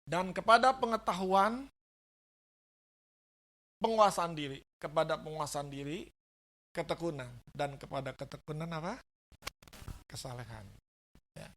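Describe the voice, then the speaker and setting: A man's voice: fairly high pitch, lively intonation, measured pace, pauses often, fairly bright tone. A man preaching a sermon as a pastor, telling stories animatedly, acting out the dialogue and asking the congregation questions. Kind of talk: sermon with storytelling. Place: church service.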